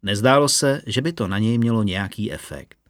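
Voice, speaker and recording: A man's voice: lowish voice, no room sound, clean studio sound. Man reading a fantasy audiobook. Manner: steady, measured storytelling. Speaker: narrator. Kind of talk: scripted audiobook narration.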